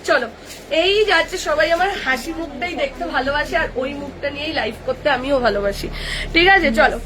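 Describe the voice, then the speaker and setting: A woman with a Kolkata Bengali accent, selling clothes on a live stream, brisk and chatty as she reels off sizes and prices. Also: sits high, crowd noise, low-quality recording. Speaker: online kurti seller. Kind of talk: live-stream sales pitch. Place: clothing shop.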